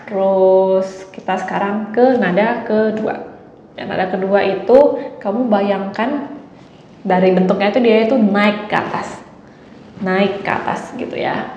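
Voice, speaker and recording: A woman's voice: mid-range voice, fairly even intonation, a little slow, long pauses, darkish tone. Give me a young woman teaching Mandarin tones in a chatty way, recorded in a roomy space. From Indonesia. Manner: chatty, demonstrates tones with sung syllables. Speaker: Mandarin teacher, channel host. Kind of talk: casual video lesson. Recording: slightly dull, roomy, faint hiss.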